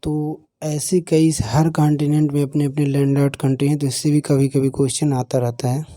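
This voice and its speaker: A man's voice: fairly high pitch, little pitch movement, normal speed, dark tone, no room sound. A man teaching geography for exam prep, drilling points by asking quiz questions and answering them himself, switching between Hindi and English phrases. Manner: asks and answers his own quiz questions. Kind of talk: explanatory lecture.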